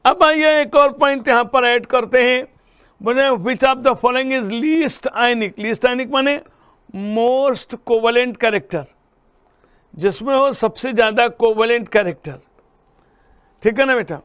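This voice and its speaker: A man's voice: very high voice, slow, fairly bright tone, clean tone. A man teaching a chemistry lesson, talking students through problems and often checking that they follow. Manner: addresses students as "beta", checks understanding often. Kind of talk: classroom lecture solving problems.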